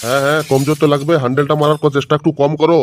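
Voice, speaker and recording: A man's voice: fairly high pitch, little pitch movement, very fast, faint music behind, lightly acted. A man voicing a brusque quack doctor in a cartoon, curt, grumbling and dismissive. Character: brusque middle-aged quack ayurvedic doctor. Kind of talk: cartoon voice acting.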